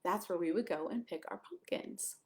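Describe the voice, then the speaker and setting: This American woman, a Maryland pastor, reads a children's picture book aloud with chatty asides and simple questions for her audience. She speaks at normal speed in a fairly low voice with vocal fry.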